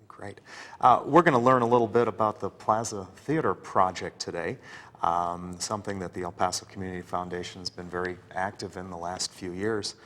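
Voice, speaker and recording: A man's voice: deep voice, steady tone, brisk, a bit bright, long reverb tail. A man hosting a public-affairs interview, prompting his guest with friendly questions. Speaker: interview host.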